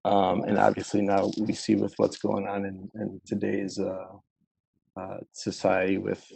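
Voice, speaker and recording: A man's voice: lowish voice, completely flat delivery, measured pace, gravelly, a little mellow, slight background noise, rough recording. A man casually reflecting on personal experience in a group discussion, peppering his talk with verbal hedges.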